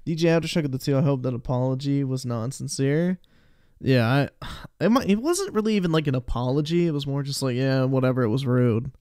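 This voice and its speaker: A man's voice: mid-range voice, lively intonation, fairly quick, a little mellow, smooth, dry recording, clean studio sound. Scornful, profane young male streamer. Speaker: streamer reacting to videos. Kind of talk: casual live-stream reaction commentary.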